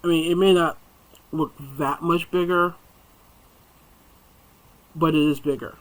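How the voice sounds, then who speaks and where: A man's voice: on the high side, steady tone, unhurried, poor audio. A man chatting casually while he crochets and reviews hooks on camera, rambling and muttering asides to himself.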